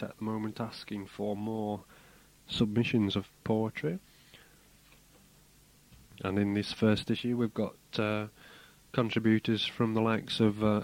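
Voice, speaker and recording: A man hosting a radio show, chatting in a relaxed way with plenty of ums. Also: fairly low pitch. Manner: relaxed, hesitant with fillers. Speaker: radio host reviewing magazines. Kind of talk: casual radio chat.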